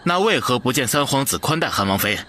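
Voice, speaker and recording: An actor voicing a blunt, upright young marquis who speaks reproachfully in an animated drama. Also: male voice, medium pitch, fast talker, background noise, lightly acted.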